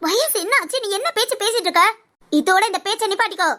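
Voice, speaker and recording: A woman brings to life a hurt, unmarried older woman in a storybook drama, her voice pitched very high. She talks sharply and defensively, pushing away anyone who comes close. Underneath the sharpness there is a proud, wounded pride. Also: lively intonation, fast talker, sharp tone, full character voice. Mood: angry. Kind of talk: audio story role-play.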